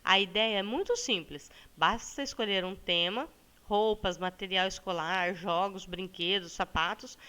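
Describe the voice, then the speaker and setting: A woman teacher with a Brazilian accent, walking students through a lesson with patience. She stretches words slowly to show the stressed syllable and often checks in with "tá bom?". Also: mid-range voice, bright, forceful tone, smooth. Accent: Brazilian Portuguese. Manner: ends phrases with a checking "tá bom?". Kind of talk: recorded classroom lesson for students.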